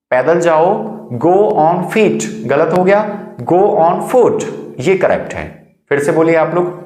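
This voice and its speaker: A man teaching English phrases in Hindi, coaxing viewers to repeat and saying each phrase very slowly for practice. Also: on the high side, roomy sound. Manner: drills phrases slowly for repetition. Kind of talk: spoken English lesson.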